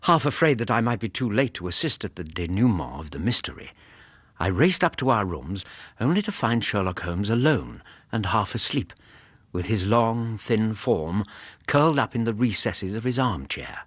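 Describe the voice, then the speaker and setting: Doctor Watson, husky British storyteller. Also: male voice, lowish voice, sing-song, dry recording. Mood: measured storytelling. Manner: measured, literate, gentlemanly storytelling. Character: Doctor Watson, genial male doctor, loyal companion and storyteller. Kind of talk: radio drama narration and dialogue.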